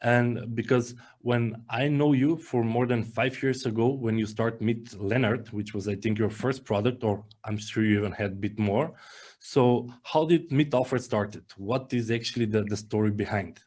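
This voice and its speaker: A man hosts an interview over a video call. His voice is mid-pitched and plain. He welcomes the guest and asks short, friendly questions. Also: normal speed, darkish tone. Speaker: host.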